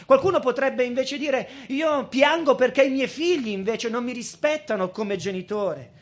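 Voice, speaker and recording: A man in his thirties preaching a sermon, earnest and emphatic, slowing down to stress key words. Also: very high-pitched, a bit bright. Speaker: guest preacher.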